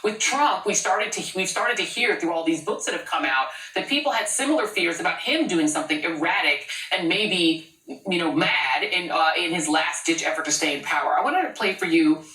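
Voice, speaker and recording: A cable news anchor with a lowish voice and lively intonation delivers pointed, sarcastic commentary at a moderate pace, her tone pushed and bright. The sound is roomy, picked up by a distant mic.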